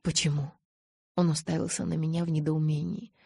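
A woman's voice: fairly low pitch, normal speed, dark tone, breathy edge, no room sound, studio quality. A woman narrating a novel in the first person, telling the story expressively. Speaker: audiobook narrator.

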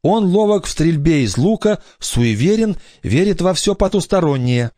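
A man's voice: fairly high pitch, expressive, normal speed, dark tone, dry recording, clean studio sound, pitched above the performer's own voice, lightly acted. A man voicing a timid, clever young girl who speaks hesitantly and carefully. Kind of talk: audiobook character voice.

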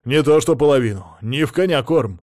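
A man doing a hoarse, shouting angry millionaire. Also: medium pitch, expressive, brisk, no echo, clean studio sound, pitched above the performer's own voice, natural voice. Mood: indignant. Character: angry, rude middle-aged male millionaire.

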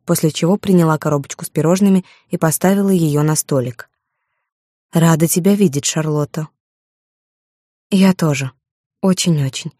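A woman reading a first-person novel aloud in an even, measured way. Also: sits low, no room sound, studio quality. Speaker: audiobook narrator.

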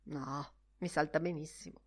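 A mild middle-aged man talking half to himself, musing and lightly teasing, as a woman narrator reads him. His voice sits low and relaxed in a storybook reading, and he lets his thoughts wander aloud. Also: normal speed, slightly rough. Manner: musing, mildly teasing, conversational.

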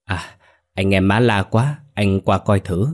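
A storyteller voicing a worried young husband, asking quick, anxious questions. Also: male voice, deep voice, steady tone.

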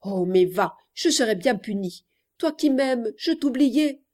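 A woman's voice: fairly high pitch, animated, measured pace, darkish tone. A woman voicing an impulsive seventeen-year-old girl who longs to elope, declaiming a theatrical verse monologue. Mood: tender.

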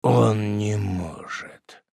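A man's voice: on the low side, gravelly, darkish tone, no echo, clean studio sound, full character voice. A man reading an audiobook and voicing a cruel, mocking demon disguised as a dwarfish hermit, in a hollow, menacing voice. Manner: hollow, menacing, drawn-out, at times whispered.

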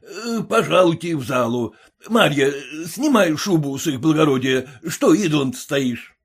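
Man doing a blustering husky merchant. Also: fairly high pitch, lively intonation, moderate pace, voice pushed up. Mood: fawning. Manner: shouting, blustering, fawning. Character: fussy loud middle-aged male merchant.

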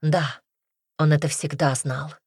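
A woman's voice: low voice, fairly even intonation, slow pace, a little mellow, husky, dry recording, clean studio sound, exaggerated voice. A woman narrator voicing a weary, grave mother explaining bad news in an audiobook. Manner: grave, sad.

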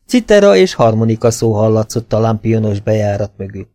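A man narrates a story in a mellow, warm voice. His reading is steady and plain. He lifts his pitch when he speaks the characters' lines. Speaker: audiobook reader.

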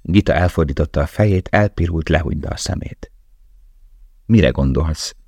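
A male audiobook narrator with a very deep, low voice, reading calmly and evenly. The recording is dry and close, with no room sound at all. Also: dry recording. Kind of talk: scripted narration.

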